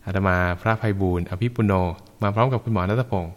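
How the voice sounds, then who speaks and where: A low-voiced man, a Buddhist monk, talks quickly in a relaxed dharma chat. He slips into quoted voices to act out the people he describes. A long reverb trails each phrase, as if he sits in a large hall. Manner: animated, acts out callers in quoted voices. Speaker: Buddhist monk, podcast co-host. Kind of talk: casual dharma talk.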